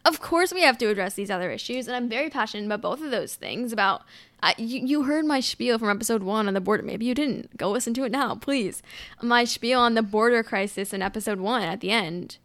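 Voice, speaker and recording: A young woman hosting a solo commentary podcast, talking in an impassioned way with restarts and quick asides. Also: on the high side, lively intonation, fairly bright tone, no echo. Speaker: podcast host.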